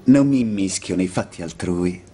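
An actor dubbing an aloof young count who curtly brushes off pleas for help. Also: male voice, deep voice, moderate pace, warm tone, husky. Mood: dismissive. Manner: curt and dismissive. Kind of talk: Italian TV dub.

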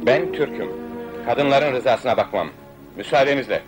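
A man's voice: medium pitch, normal speed, music in the background, close to an everyday voice. A man playing a boastful swaggering film hero. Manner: boastful, dismissive. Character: proud swaggering male hero, adult.

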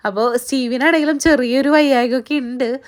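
A young woman narrating her daily vlog in a chatty way, her voice partly gone and hoarse. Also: sits high, fairly even intonation, fairly quick. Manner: chatty, fills with "appo" and "kettō". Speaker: vlogger.

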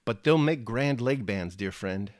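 Man doing a gentle old peasant soldier, proverb-loving, lifted voice, lively pitch. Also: measured pace, no echo, clean studio sound, close to an everyday voice. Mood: musing. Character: kindly old male peasant soldier, folksy.

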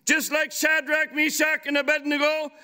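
A middle-aged man preaching a sermon from a podium microphone on a large conference stage, urgent and emphatic, at times shouting. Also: extremely high pitch, monotone, normal speed.

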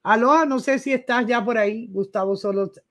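A middle-aged Cuban woman with a Cuban accent hosts a live news stream from a small home studio, speaking into a desk microphone. She chats casually and affectionately, greeting viewers by name and reading their comments aloud. Her voice is a little high and a bit bright, at normal speed.

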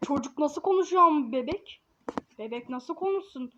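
A woman's voice: high-pitched, expressive, normal speed. A woman giving casual, slangy gameplay commentary, joking around and scolding a baby in the game. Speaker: gaming YouTuber. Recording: dull lo-fi with faint hiss.

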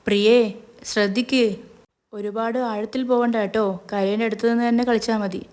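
A woman's voice: a little high, steady tone, moderate pace, a little mellow, close to an everyday voice. A woman voicing a stern, protective young mother in a spoken serial recap.

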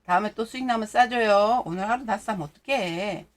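A woman's voice: medium pitch, fairly quick. Middle-aged lady running a stock livestream, chatty, teases her viewers. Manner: chatty and teasing, answers viewers' donations and chat messages. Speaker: stock-trading livestream host. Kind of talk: casual livestream chat.

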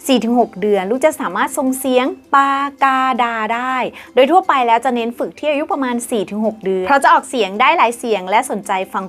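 A woman nurse hosting a parenting lesson, explaining step by step how to help babies learn to talk, with polite, instructive phrasing and a short product read. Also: high-pitched. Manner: polite, instructive, uses soothing baby-talk examples. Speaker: pediatric nurse host. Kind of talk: parenting tips with sponsored product reads.

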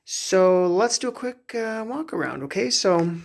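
Man, 30s, casual home-tour vlogger, gravelly, slightly husky voice, halting delivery full of ums, phone-recorded in a kitchen. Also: sits high, lively intonation. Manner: rambling, hesitant, many fillers and restarts. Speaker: homeowner vlogger. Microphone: phone camera, handheld selfie then walking.

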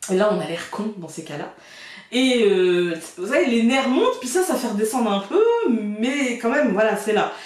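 A woman's voice: on the high side, lively intonation, normal speed. A woman vlogger telling a story in a chatty, colloquial way, laughing often. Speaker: card reader and vlogger. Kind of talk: casual storytelling to camera. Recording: very echoey room, far from the mic.

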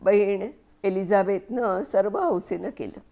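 A woman storyteller reading a story aloud in a measured, expressive way. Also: mid-range voice, creaky.

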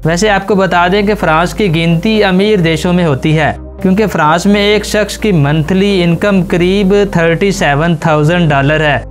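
A man narrating a scripted facts video, addressing viewers as friends in a brisk voice-over. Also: high-pitched. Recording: faint music under voice-over. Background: background music.

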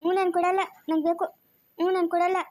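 Brief: whiny crying little boy, very high and quick, a woman plays him. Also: level tone, a little mellow. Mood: stubborn. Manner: whiny, sobbing, name-calling. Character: small crying boy begging for jaggery.

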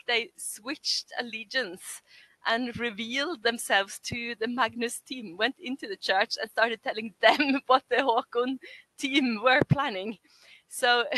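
A woman academic giving a recorded online lecture over a video call, thoughtful and pausing often with ums and restarts. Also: a little high, sharp tone, no echo, poor audio.

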